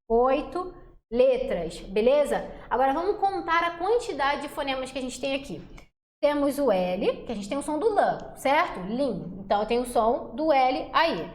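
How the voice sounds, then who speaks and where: A woman teaching an exam-prep lesson, chatty and checking in with the class often as she sounds out letters and syllables slowly. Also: a little high, slight background noise. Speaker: Portuguese teacher. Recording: echoey room.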